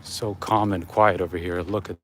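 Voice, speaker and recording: Man, low voice, walking and talking, casual rambling livestream commentary, outdoor city noise. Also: fairly even intonation, normal speed, a bit bright. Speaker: live streamer. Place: outdoors on an urban waterfront. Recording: outdoor urban ambience, traffic noise.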